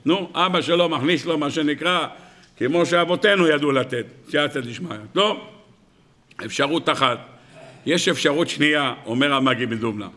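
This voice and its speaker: A rabbi delivering a sermon, telling a parable in an animated, dramatic way and speaking directly to his audience. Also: a little high. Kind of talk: sermon storytelling.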